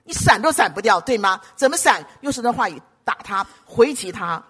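A pastor preaching a sermon, emphatic and full of rhetorical questions, swinging between loud urging and hushed asides. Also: medium pitch, animated, fairly quick, slightly rough.

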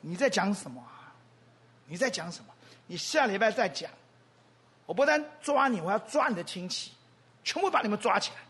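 Brief: preacher doing a menacing, scolding male cop, raised and husky. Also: high-pitched, sing-song, fairly quick, long pauses, fairly bright tone, exaggerated voice. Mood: threatening. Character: threatening male police officer.

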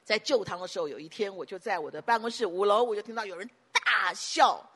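A woman pastor preaching a sermon emphatically, piling up repeated phrases and breaking into sudden loud bursts. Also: medium pitch, quick pace.

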